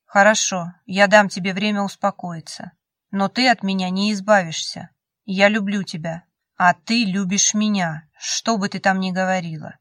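A woman's voice: medium pitch, steady tone, moderate pace, a bit bright, dry recording, clean studio sound, lightly acted. A woman reading the lines of a young man who begs and insists on his lover, in an audiobook. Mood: possessive. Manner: insistent, pleading. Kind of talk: audiobook character voice.

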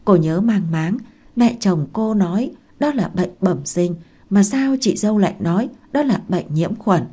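A woman narrating a novel aloud in a calm, steady reading voice. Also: lowish voice. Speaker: audiobook narrator. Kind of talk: story narration.

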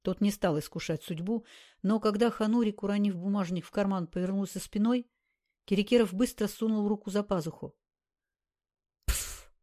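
A woman reading a crime audiobook aloud in a steady narrating voice. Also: medium pitch. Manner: steady storytelling. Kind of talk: scripted narration.

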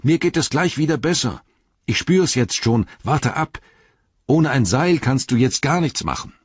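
A man's voice: medium pitch, big pitch swings, unhurried, husky, no echo, highs cut off, pitched above the performer's own voice. A man voicing a shaken young male hobbit, calling up in a raised, tense voice in an audiobook reading. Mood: firmer.

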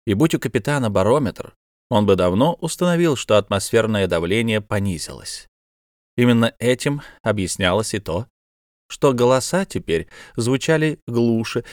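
A man's voice: fairly low pitch, no room sound, clean studio sound. A man narrating a novel as an audiobook reader, steadily telling the story and lifting his voice for the characters' lines. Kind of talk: scripted narration.

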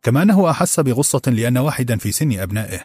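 A man narrating an audiobook in a measured, grave storytelling manner. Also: mid-range voice, big pitch swings, darkish tone, husky, dry recording, faint music behind. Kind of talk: scripted narration.

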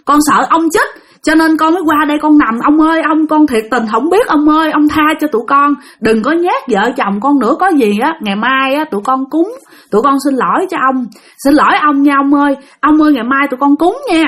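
A woman's voice: high voice, a little fast, fairly bright tone, voice pushed up. Woman doing a scared husband begging mercy. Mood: pleading. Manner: pleading, repetitive. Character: terrified middle-aged husband begging a ghost.

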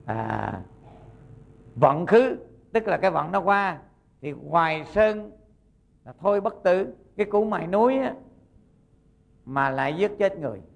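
A Buddhist monk, giving a sermon as folksy storytelling and acting out the characters' lines. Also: male voice, high voice, sing-song, a little slow, vocal fry, pauses often.

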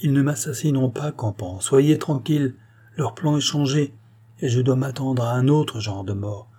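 A resigned, weary old king, read by a man, hushed and confiding. His voice is husky and mellow, sliding a little higher when he reassures. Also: normal speed, close to an everyday voice.

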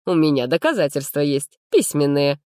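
A woman reading an audiobook, voicing a cocky, mocking rich young man in a slow, teasing drawl. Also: low-pitched, big pitch swings, a little mellow, no echo, clean studio sound.

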